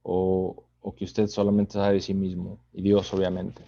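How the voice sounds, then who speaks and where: A man giving a conversational Bible study sermon, unhurried, often checking in with listeners through tag questions. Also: sits low, completely flat delivery, vocal fry, warm tone, dull audio.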